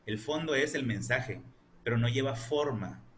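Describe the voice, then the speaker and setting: A man gives a literature lesson, explaining patiently and asking rhetorical questions. His voice sits at a middle pitch. A faint hiss of noise runs underneath. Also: animated, normal speed. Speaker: teacher. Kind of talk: online class lecture.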